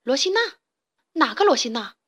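A woman's voice: fairly high pitch, expressive, normal speed, lightly acted. A woman voicing a young rooster boy who stammers and gets flustered.

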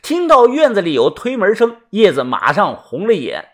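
Husky male storyteller with lively pitch. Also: normal speed. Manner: chatty, sprinkles 啊 and 呢 fillers. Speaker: narrator. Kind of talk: first-person audiobook storytelling.

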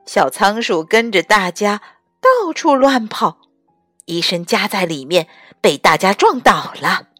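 Mom reading a kids' picture book, slow and super expressive, voice bouncing all over, dry close sound. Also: female voice, mid-range voice, no echo, faint music behind. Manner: slow and expressive, acting out every character. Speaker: mother reading picture books to her child. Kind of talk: storybook reading aloud.

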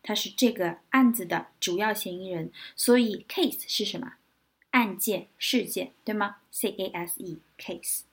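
A woman teaching English vocabulary in a lesson, spelling words out letter by letter and repeating example sentences slowly. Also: mid-range voice, vocal fry, breathy edge.

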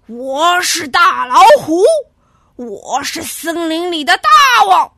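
A woman voicing a fierce, boastful male tiger who shouts and brags. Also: extremely high pitch, animated, slow pace, heavy background noise, exaggerated voice. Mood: boastful, menacing. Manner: loud, blustering, shouting.

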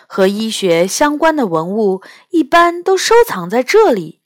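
A woman reading a children's storybook aloud in an expressive, lively way. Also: on the high side, no room sound, studio quality.

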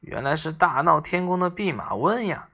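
A boastful, fierce demon king from a storybook, as a storyteller reads him. He sneers and threatens in a gravelly voice with a lot of fry. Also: mid-range voice, animated, moderate pace, pushed and bright. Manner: mocking, threatening.

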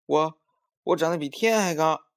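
A man's voice: mid-range voice, lively intonation, unhurried, creaky. A man voicing a pouty, competitive little boy who talks in a huffy, insistent way. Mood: excited.

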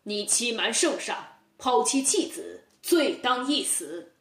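Woman doing a stern old judge voice, commanding, slow and deliberate, bit far from the mic. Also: extremely high pitch, lively intonation, fairly bright tone, echoey room, full character voice.

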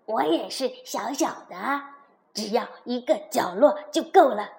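A woman voicing a small, sly male frog who croaks between his pleading phrases in a storybook. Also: a little high, animated, measured pace, a little mellow, pitched below the performer's own voice. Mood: coaxing.

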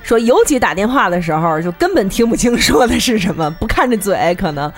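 A woman's voice: mid-range voice, lively intonation, fairly quick. A woman co-hosting a casual, comedic group chat. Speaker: talk show co-host. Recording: music under the talk.

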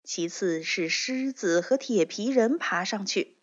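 Woman narrating a children's story, slow and breathy, expressive. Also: medium pitch. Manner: slow, gentle, expressive reading. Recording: dull lo-fi recording.

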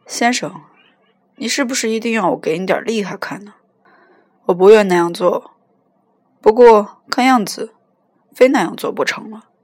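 A woman reading the lines of a gruff, crude man who works a hotel elevator, in a blunt, menacing tone. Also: mid-range voice, a little fast, lightly acted.

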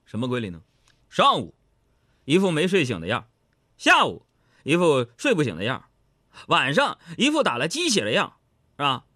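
Guy hosting a comedy show, super animated, bright voice, goofing around with impressions. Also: a little high, normal speed, pauses often, dry recording, studio quality. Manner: animated, mimicking, playful. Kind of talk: stand-up comedy monologue.

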